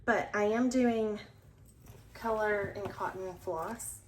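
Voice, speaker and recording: The recording is rough, with a little hiss or hum. On it, an Alabama woman hosting a cross-stitch video enthusiastically shows and tells about her projects, sometimes nearly whispering, in a slow, medium-pitched voice with fairly even intonation.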